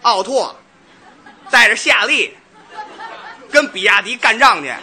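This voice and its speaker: A man's voice: high voice, expressive, slow, a crowd in the background, background noise. A man performing Chinese crosstalk comedy on stage as a bossy director correcting his partner. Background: audience laughter.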